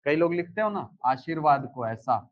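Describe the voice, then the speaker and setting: The audio has phone-like quality as a male teacher with a slightly high, animated voice leads a live classroom lesson. He explains slowly, step by step, raising questions and answering them on his own.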